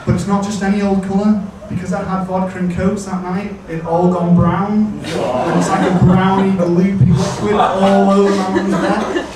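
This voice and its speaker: A man's voice: high-pitched, level tone, moderate pace. A young man doing stand-up, telling a rambling, self-mocking story on a comedy club stage. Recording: echoey venue, distant mic, noisy.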